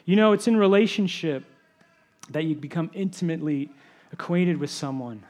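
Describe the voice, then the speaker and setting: A man pastor preaching a sermon, often dropping to a soft, low voice to stress a point. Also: normal speed. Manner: drops to a soft low voice for emphasis.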